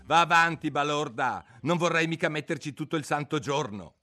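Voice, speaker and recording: A man's voice: a little high, moderate pace, bright, forceful tone, voice pushed up. A man reading an audiobook, voicing an impatient, bossy griffin who talks in a brusque, scolding way. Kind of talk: audiobook character voice.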